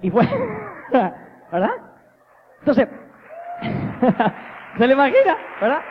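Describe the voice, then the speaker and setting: A man preaching a lively, jokey sermon, acting out the voices he quotes. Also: extremely high pitch, very slow. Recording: dull lo-fi recording with faint noise.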